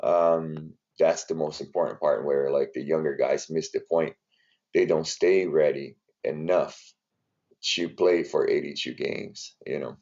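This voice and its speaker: With an extremely low, darkish voice, this unhurried man speaks in a steady tone over dull lo-fi audio. An NBA strength and conditioning coach from Brazil, Portuguese-native with a Brazilian accent, he meanders through a casual interview in English, full of fillers.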